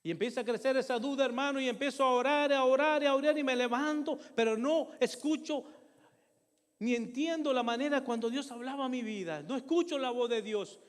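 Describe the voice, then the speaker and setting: A man's voice: very high-pitched, brisk. An older man preaching a sermon and telling a personal testimony in an earnest, emotional way, often calling his listeners brothers. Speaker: pastor. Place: church. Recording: long hall reverb in a church.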